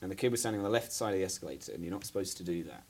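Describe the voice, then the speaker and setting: A man's voice: low voice, expressive, racing. Rambling man telling a story. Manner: rambling, self-deprecating, laughs often. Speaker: podcast co-host. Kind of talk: casual storytelling chat.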